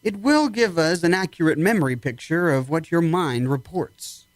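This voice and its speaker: A man's voice: fairly high pitch, expressive, moderate pace, no room sound, natural voice. A man acting in an old-time radio drama as a probing, authoritative army psychiatrist with a clipped, commanding manner. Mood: clinical.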